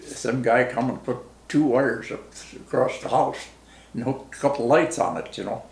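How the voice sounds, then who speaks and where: An elderly male veteran reminisces in a roomy, echoing space. His voice is gravelly and full of fry, with a rural American Midwestern accent. He remembers things haltingly, in plain, folksy words. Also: medium pitch. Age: very old, 90s. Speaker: war veteran being interviewed. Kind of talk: casual reminiscing interview. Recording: roomy, echoing interview recording.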